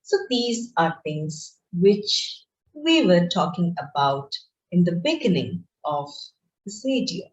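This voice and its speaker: A woman lecturer teaching an online class in a slow, deliberate, explanatory way. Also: fairly low pitch, sing-song. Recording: roomy, dull lo-fi screen-share recording.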